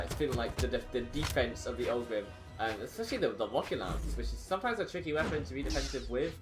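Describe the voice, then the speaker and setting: A man doing fighting game play-by-play as a tournament commentator, casual and hesitant, often repeating himself mid-phrase. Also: medium pitch. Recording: game music behind the voice. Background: game music.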